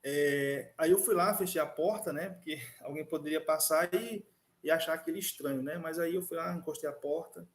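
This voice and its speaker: Teaching online, a man shares a personal story in a conversational lecture. His pitch sits on the high side, his speed is normal, and he often restarts and uses many fillers.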